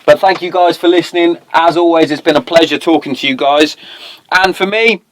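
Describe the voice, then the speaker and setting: A man's voice: fairly high pitch, a little fast, slight background noise. A British man hosting a podcast, chatting casually in a matey, sweary, slangy way. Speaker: podcast host. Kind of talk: casual chat.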